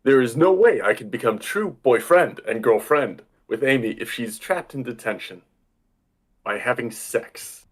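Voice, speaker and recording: A man loudly voicing an excitable teenage hedgehog in a comedy reading. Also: mid-range voice, measured pace. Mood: overexcited.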